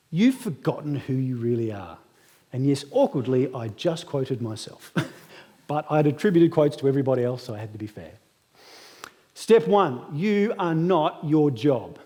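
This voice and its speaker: A thirties-aged man addresses a graduation ceremony as guest speaker, motivating listeners through funny stories about his own failings. His voice is on the high side and dark in tone, captured with the echo of a large hall.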